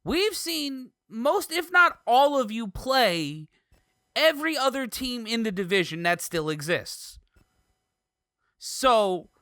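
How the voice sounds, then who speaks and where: A man co-hosting a casual sports podcast, making his points animatedly with drawn-out emphasis and easy laughter. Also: very high-pitched, sharp tone, dry recording, clean studio sound. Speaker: podcast co-host.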